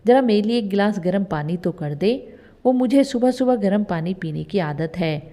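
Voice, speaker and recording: A woman voicing a gentle, soft-hearted elderly mother-in-law in a spoken storybook tale. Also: mid-range voice, animated, moderate pace, lightly acted. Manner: soothing, pleading.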